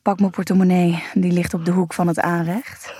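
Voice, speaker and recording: A woman's voice: fairly low pitch, little pitch movement, normal speed, mellow, breathy edge. A woman playing an eager, coy lover in an intimate erotic audio drama. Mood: reassuring.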